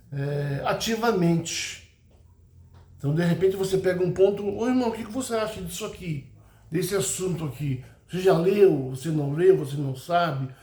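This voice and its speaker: A man teaching fellow church teachers in an unhurried way, often pausing with fillers and tag questions. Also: high-pitched, dark tone, echoey room. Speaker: Sunday school teacher trainer.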